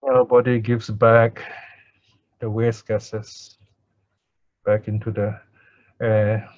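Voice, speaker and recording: Pausing between phrases, a fairly low-voiced Buddhist teacher guides listeners through meditation and chanting in a calm, steady manner. The recording has a dull quality.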